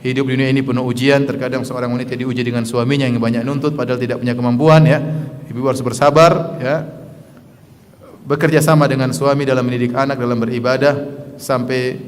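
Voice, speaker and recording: A man's voice: medium pitch, flat delivery, fast talker, in a large hall. A man preaching a sermon to a women's study circle. He is earnest, drops playful asides, and tags nearly every phrase with a short "ya". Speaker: Islamic preacher.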